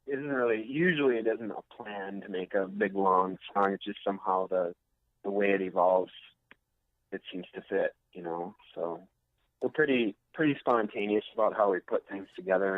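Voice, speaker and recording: A deep-voiced man from the United States, a rock guitarist, chats casually and a little hesitantly in an interview. The recording is dry, with a tinny, phone-like quality, and he stays unassuming throughout.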